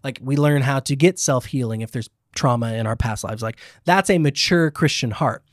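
A man's voice: mid-range voice, moderate pace, dry recording, clean studio sound. A man hosting a casual faith podcast, talking emphatically with fillers and restarts. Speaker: podcast host.

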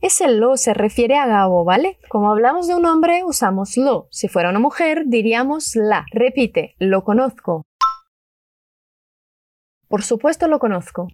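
A woman teaching a Spanish lesson, upbeat and enthusiastic, saying model phrases slowly and clearly for learners to repeat. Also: a little high, very animated, a little mellow, no echo, studio quality. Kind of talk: language lesson with repeat-after-me drills.

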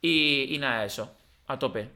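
Animated young man co-hosting a podcast. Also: medium pitch, unhurried. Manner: animated, laughing, jokey. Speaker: podcast co-host. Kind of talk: casual chat.

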